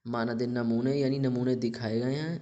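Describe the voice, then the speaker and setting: A man's voice: medium pitch, level tone, warm tone, highs cut off. A man teaching a recorded language lesson, reading vocabulary words aloud with stress and then explaining what each one means.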